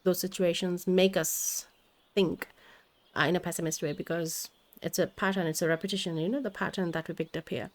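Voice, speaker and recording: During a spiritual tarot reading, a Hindi-native woman talks in a gentle, wandering way, with a steady tone and a voice pitched a little low. She frequently stops on fillers before starting again, while faint birdsong plays behind her.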